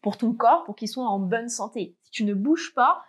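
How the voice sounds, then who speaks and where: A woman's voice: fairly high pitch, animated, moderate pace, breathy edge. A young woman fitness coach giving casual tips straight to the viewer, chatty and full of fillers. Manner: chatty, many fillers, addresses viewer directly.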